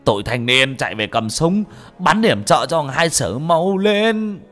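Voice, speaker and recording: Brief: man playing bossy older villager barking orders, high and strained, lively swings in pitch. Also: a little slow, soft background music. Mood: urgent shouting.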